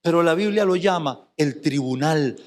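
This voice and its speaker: A man's voice: on the high side, moderate pace, in a large hall. A male pastor preaching a fervent sermon, firing rhetorical questions at the congregation.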